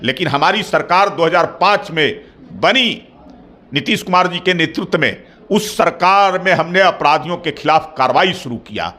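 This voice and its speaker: Man, bright, firm spokesperson. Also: a little high, animated. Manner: measured, repeats filler phrases, builds into firm claims. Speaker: party spokesperson. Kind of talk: formal political interview answers.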